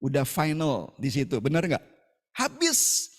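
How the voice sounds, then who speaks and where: A male pastor giving an animated, conversational sermon, often asking the congregation questions. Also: on the high side, measured pace, big-room sound.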